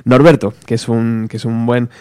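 A man's voice: medium pitch, fairly even intonation, normal speed, a little mellow, smooth, dry recording, studio quality. A man hosting a podcast interview, friendly and teasing, reading out listener questions. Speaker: podcast host.

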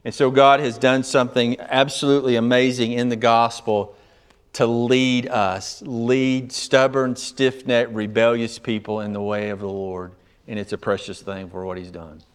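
Pastor, male, sermon delivery; smooth resonant tone, measured pace with drawn-out emphasis. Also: medium pitch, fairly even intonation. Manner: measured preaching with slowed emphatic phrases.

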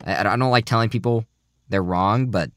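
A young man hosting a casual, goofy podcast chat, talking in a mock-serious, rambling way that often trails off quietly. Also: fairly low pitch, normal speed, no echo. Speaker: podcast host.

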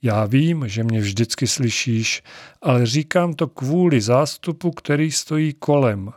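A man voicing a calm, solemn male teacher who prays aloud in a measured, unhurried way, with faint music behind him. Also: medium pitch, dry recording, clean studio sound, natural voice. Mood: solemn prayer.

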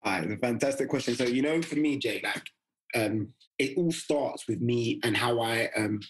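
A man talking as a podcast guest about coaching fathers, animated and full of laughs, often acting out little quoted lines from other people. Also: medium pitch, moderate pace, slight background noise, rough recording. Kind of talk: casual interview chat.

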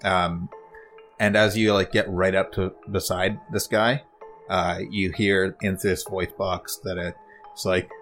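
A man with a very deep voice narrates a tabletop role-playing scene as game master. He pauses often and restarts his sentences. Soft music plays faintly behind him. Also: little pitch movement. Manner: halting, full of fillers and restarts.

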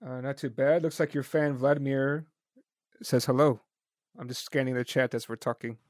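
A man's voice: medium pitch, fairly even intonation, moderate pace, darkish tone, no room sound. Guy hosting a live stream interview, upbeat and jokey, dry close mic. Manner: joking, upbeat, chatty. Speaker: podcast host.

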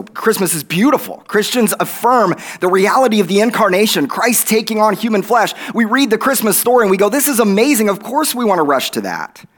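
A middle-aged man delivers a sermon in an Oklahoma accent. His voice sits a bit high for a man. He talks conversationally, checking in with short tag questions and leaning on repeated phrases. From Oklahoma, USA. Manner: conversational, with check-in tags like "right?" and "okay?". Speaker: preacher.

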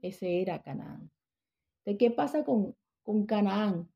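A woman's voice: medium pitch, animated, takes it slowly, gravelly. A woman giving a conversational Bible lesson, often checking in with her listeners and restarting her phrases. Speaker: Bible teacher. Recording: dull lo-fi recording.

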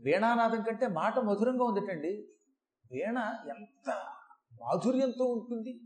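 A man giving a devotional scripture discourse, telling it in an animated way and changing his voice to act out the verses. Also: high voice, unhurried. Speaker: Puranic discourse speaker. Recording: echoey hall recording.

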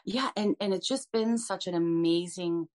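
A woman's voice: fairly low pitch, moderate pace, a little mellow. A woman in her fifties, a podcast guest, earnestly telling her story of faith with frequent restarts. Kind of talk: personal testimony in an interview.

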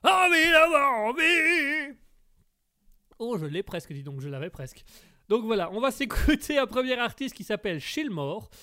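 A man's voice: high voice, animated, brisk, no echo, clean studio sound. A man hosting a live web radio show, introducing music in a loose, hesitant way full of restarts. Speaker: radio host presenting music.

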